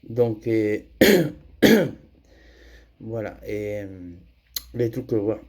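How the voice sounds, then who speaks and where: A man's voice: on the low side, sing-song, drawn-out words, darkish tone. A middle-aged man from Andalusia with a Spanish accent, speaking French as a second language and giving a personal testimony, hesitant with many fillers and restarts. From Andalusia, Spain. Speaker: testimony giver.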